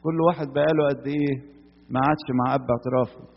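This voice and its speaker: A man's voice: mid-range voice, steady tone, racing, vocal fry, a little hiss or hum. A man with an Egyptian accent preaching a sermon, repeating key phrases and asking his listeners questions. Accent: Egyptian Arabic. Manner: mixes colloquial and formal Arabic, repeats key phrases, asks the listeners questions. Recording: dull sound with long hall reverb.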